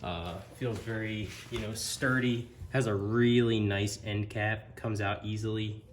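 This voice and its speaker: With a lowish voice and a measured pace, a man gives a relaxed, practical walkthrough of a motorcycle as an amateur reviewer. He sounds plain-spoken and slightly unsure, and the recording is clear with constant noise behind him.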